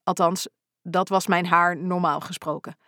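A woman's voice: lowish voice, measured pace, no echo. Woman reading a story, dry close sound. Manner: expressive, lively in dialogue. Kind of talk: first-person story reading.

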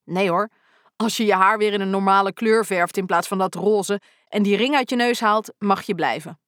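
A woman's voice: mid-range voice, normal speed, a bit bright, no room sound, studio quality, natural voice. A woman voicing a laid-back, teasing teenage boy who jokes with his niece.

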